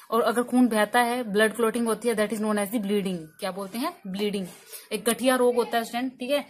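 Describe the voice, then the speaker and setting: A woman teaching English vocabulary in Hindi, asking each word as a question and answering it herself. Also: a little high.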